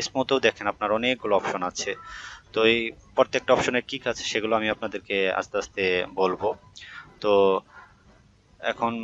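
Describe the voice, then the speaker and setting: Male tutorial instructor, low voice, quick conversational delivery, muffled home recording. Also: pushed and bright, a little hiss or hum. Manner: conversational, many hesitation fillers, addresses viewer directly. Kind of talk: screen-recorded software tutorial.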